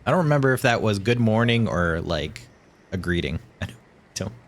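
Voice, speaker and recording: A man's voice: lowish voice, lively intonation, normal speed. A man streaming a video game, reacting in casual commentary, joking and laughing often. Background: faint game music.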